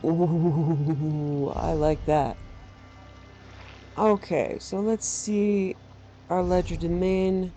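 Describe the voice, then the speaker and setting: A woman's voice: on the low side, steady tone, drawn-out words, pauses often, dark tone, highs cut off, faint music behind. A woman casually commentating on a game she is playing and reading bits of its text aloud. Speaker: gamer host. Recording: faint background noise.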